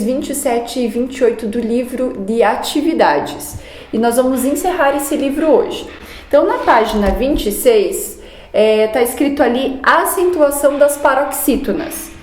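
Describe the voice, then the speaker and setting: A woman teaching young pupils, explaining step by step in a clear, patient way. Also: on the high side, normal speed, darkish tone, echoey room. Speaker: primary school teacher. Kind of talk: recorded review lesson for children.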